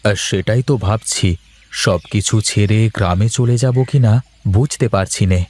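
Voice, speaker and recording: For a Bengali cartoon, a man voices a weary, worried working husband who is proud and plain-spoken, a married office worker. His lowish, slightly mellow voice is lightly acted at a moderate pace, with a homely, complaining delivery.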